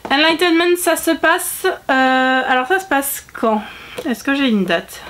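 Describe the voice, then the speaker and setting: A woman's voice: sits high, expressive, unhurried, a bit bright. A woman book vlogger chatting casually to her viewers, talkative, with frequent fillers and self-corrections. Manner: chatty, full of fillers and restarts. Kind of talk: casual chat to camera.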